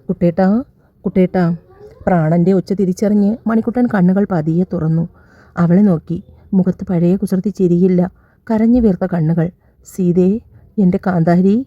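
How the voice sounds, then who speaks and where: With a low, dark-toned voice, a woman reads an audio love story from a script, giving each character's dialogue in her own slightly raised voice. The recording is dull, dry, and lo-fi, with no echo.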